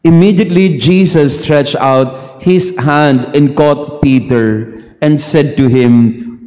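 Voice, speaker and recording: A priest reads the gospel and preaches at a slow, measured pace. His voice is dark and mellow. A long cathedral echo hangs after every phrase. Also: on the high side. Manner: slow measured reading, then easygoing mixing of English and Tagalog. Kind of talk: gospel reading and homily. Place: large church. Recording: long church reverb.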